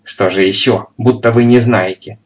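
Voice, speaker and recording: A man doing a loud, scolding landlady. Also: on the low side, fairly even intonation, moderate pace, lightly acted. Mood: furious. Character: furious middle-aged landlady.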